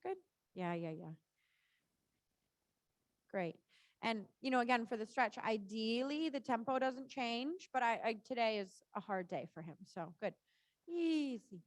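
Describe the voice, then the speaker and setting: A woman's voice: a little high, expressive, unhurried, pauses often, no room sound. A woman working as a riding coach, calling out short, repeated cues live in an encouraging, informal and reassuring way.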